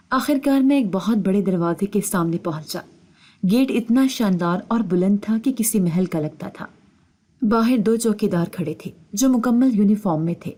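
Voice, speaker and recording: A woman reads a moral tale aloud in first person, her voice mellow and warm. She keeps a measured, suspenseful pace, building tension line by line. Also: mid-range voice. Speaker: storyteller. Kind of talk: scripted narration of a moral story.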